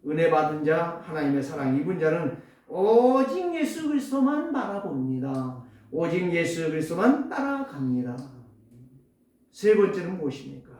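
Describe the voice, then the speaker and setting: A male pastor preaching a sermon emphatically, firing rhetorical questions and swinging between loud and soft. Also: on the high side. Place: church sanctuary. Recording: echoey church hall, distant mic.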